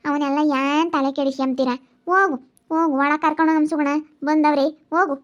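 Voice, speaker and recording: A woman's voice: sits high, steady tone, fast talker, lo-fi sound. A woman acting in a village family drama, talking in a soothing yet firm, scolding way.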